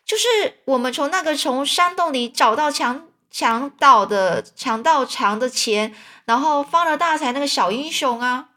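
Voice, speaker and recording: Woman doing an excitable, fussing aunt. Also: sits high, moderate pace, pitched above the performer's own voice. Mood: excited.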